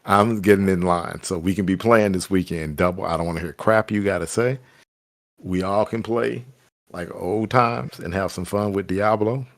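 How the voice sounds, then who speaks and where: A man's voice: deep voice, normal speed, no room sound. A man hosting a casual podcast chat, talking loosely and correcting himself as he goes. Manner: loose, rambling, corrects himself mid-sentence. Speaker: podcast host.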